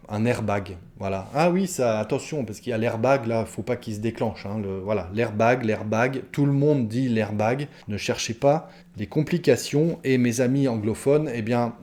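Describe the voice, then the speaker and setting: A man giving an online French lesson, speaking straight to his viewers in a lively, chatty way with many asides and fillers. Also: mid-range voice. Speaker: French teacher.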